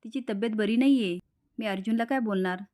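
A woman's voice: fairly high pitch, fast talker, dark tone, natural voice. Worried wife and mom thinking it through, woman reading.

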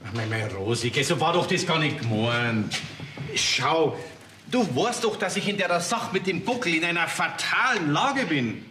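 A pompous Bavarian village policeman, high and lively in pitch, with a bright, ringing tone as he blusters about his uniform and his duty. He is heard on a stage from some way off, in a roomy hall with a faint hiss behind him. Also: normal speed. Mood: blustering. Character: pompous middle-aged village policeman, huffy. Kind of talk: folk theater stage acting. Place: theater stage. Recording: roomy stage sound from far off.

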